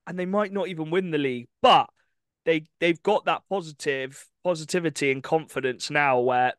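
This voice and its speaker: A young man with a fairly high, smooth and clear voice talks fast and keenly through sports news as a podcast co-host. He sounds close to the mic in a dry room, full of asides and little laughs. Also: no room sound. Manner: chatty, enthusiastic, quick asides and laughs. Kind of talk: casual sports chat.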